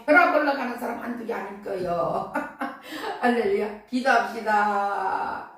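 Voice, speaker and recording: A middle-aged woman pastor preaching a revival sermon, emphatic and repetitive, often crying out hallelujah. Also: mid-range voice. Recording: echoey hall, voice from far off.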